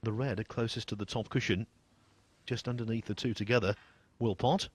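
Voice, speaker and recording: A man giving hushed snooker commentary in a measured, understated way, with a slightly husky voice. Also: lowish voice, steady tone, slight background noise.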